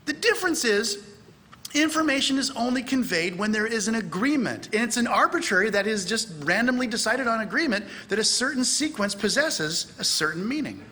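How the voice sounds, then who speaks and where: Speaking fairly quickly in a very high-pitched voice, a middle-aged man addresses a church audience from the pulpit of a large hall. He's a church conference speaker who gets animated, raising his voice to act out snippets of dialogue.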